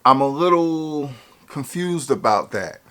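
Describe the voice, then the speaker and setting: A man's voice: on the high side, expressive, measured pace, a bit bright. A man in a casual product review vlog, chatty and hyped, restarting his sentences with lots of ums. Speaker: fitness vlogger reviewing gear.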